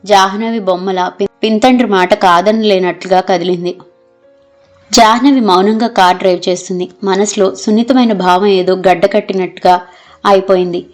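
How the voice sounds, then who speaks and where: A woman narrating an audio novel in a steady, measured storytelling manner. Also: mid-range voice, faint music behind.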